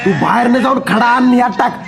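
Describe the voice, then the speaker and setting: A man in his thirties acting in a comedy sketch, full of exasperated, shouting banter. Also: very high voice, steady tone, a little fast, creaky. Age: 30s. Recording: music playing under.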